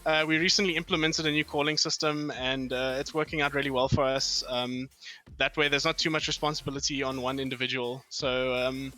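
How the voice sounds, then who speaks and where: A man answering as a player in a post-match interview over voice chat, relaxed and casual. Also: mid-range voice, a little fast. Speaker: esports player guest. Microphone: remote voice chat.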